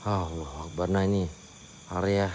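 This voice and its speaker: A man, live-streaming a night ghost hunt, who calls out loud prayers and challenges to spirits between hushed remarks. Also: low voice, steady tone, normal speed, slight background noise. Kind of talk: live ghost-hunting commentary. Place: outdoors at night at an old resort.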